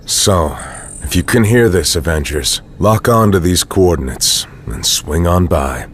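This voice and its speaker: An actor playing a wry, weary covert soldier making a matter-of-fact radio report in a video game. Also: male voice, low voice, lively intonation, a little slow. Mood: dry, urgent. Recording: very noisy radio broadcast.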